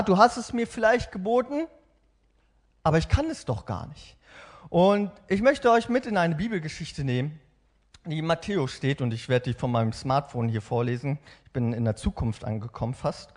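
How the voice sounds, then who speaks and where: Young man, upbeat casual sermon, high voice swinging up and down. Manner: lively, animated, chatty asides with frequent "ja?". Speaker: preacher. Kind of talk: sermon with dramatic Bible reading.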